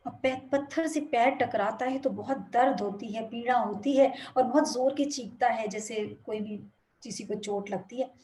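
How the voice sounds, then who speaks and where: A woman giving a spiritual talk over a video call, narrating a moral story gently and expressively. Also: on the high side, moderate pace, a little hiss or hum. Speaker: spiritual speaker.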